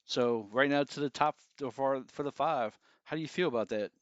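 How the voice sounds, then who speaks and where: A man's voice: medium pitch, normal speed, clean tone, no room sound. A man co-hosting a podcast, casually narrating an imagined match. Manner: storytelling, acts out wrestler quotes. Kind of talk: casual chat. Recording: slightly dull lo-fi sound.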